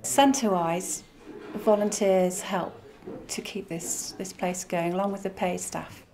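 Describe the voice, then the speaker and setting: A woman's voice: medium pitch, steady tone, slow pace, a little mellow. A middle-aged woman, a volunteer in period costume, answering interview questions indoors in a thoughtful way. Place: indoors in an old timber house.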